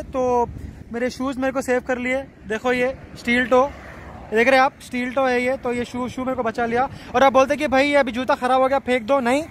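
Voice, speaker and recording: This motovlogger is a young man from India whose Hyderabadi-accented voice is very high-pitched with a fairly bright tone. He gives casual vlog narration while outdoors by a highway and on his motorbike, and road noise from the roadside fills the clip.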